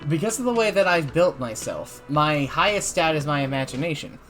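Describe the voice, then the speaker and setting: A man's voice: fairly high pitch, expressive, fairly quick, fairly bright tone. Loose, swearing male game streamer. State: drinking. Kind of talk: casual live gameplay commentary. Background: game music.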